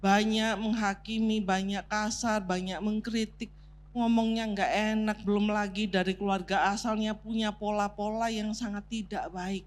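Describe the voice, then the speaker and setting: In a church sanctuary, a woman counselor preaches a sermon on marriage, teaching point by point and sprinkling in English terms. She prompts the congregation to take part and laughs along with them. Her voice is medium-pitched with little pitch movement, at a normal speed.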